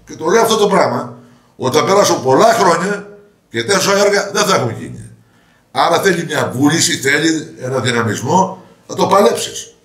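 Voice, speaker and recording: A man's voice: on the high side, sing-song, fairly bright tone. Older man telling stories, roomy echo. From Greece. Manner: storytelling, acting out quoted dialogue. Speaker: parliamentary candidate. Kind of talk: interview answers.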